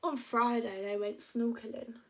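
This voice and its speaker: A young English woman, a primary school teacher, reading a picture book aloud to children with lively voices for the characters. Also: a little high, unhurried, a little hiss or hum.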